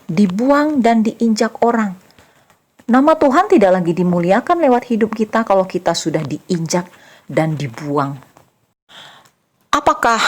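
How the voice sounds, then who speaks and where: A young woman giving a lively children's church sermon, addressing the kids directly and acting out small voices and exclamations. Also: medium pitch. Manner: animated, acts out little voices and exclamations for kids.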